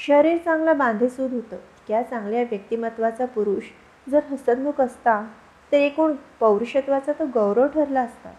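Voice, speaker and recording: High-voiced woman reading a story. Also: moderate pace, darkish tone. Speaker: audiobook narrator. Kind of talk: scripted narration of a short story. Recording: dull lo-fi recording.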